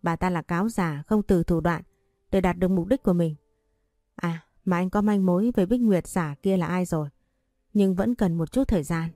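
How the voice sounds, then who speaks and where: A woman's voice: lowish voice, normal speed, mellow, dry recording, clean studio sound, soft background music, lightly acted. A woman voicing a teasing, confident young husband in a spoken story. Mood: serious. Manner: playful, teasing.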